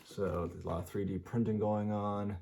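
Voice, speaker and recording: A man with a lowish voice chats eagerly through an unboxing, rambling with fillers and a little short of breath. Clicks, drawer sounds and steady background noise run under the recording. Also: normal speed. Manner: enthusiastic, rambling, many fillers. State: slightly out of breath. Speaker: toy collector vlogger. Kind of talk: casual unboxing commentary.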